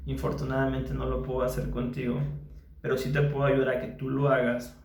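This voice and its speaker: A man's voice: medium pitch, monotone, a little fast, creaky, a little mellow, reverberant, a little hiss or hum. A man, a psychologist, teaching a mindfulness lesson patiently, repeating his phrases and checking in with the listener by asking small questions.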